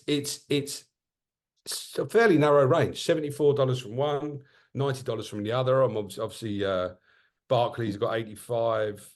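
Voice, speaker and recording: A man co-hosting a casual podcast, talking in quick, joking bursts. He trips over his own sentences and restarts them. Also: on the low side. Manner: animated, self-interrupting, jokey. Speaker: podcast co-host. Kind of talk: casual market chat.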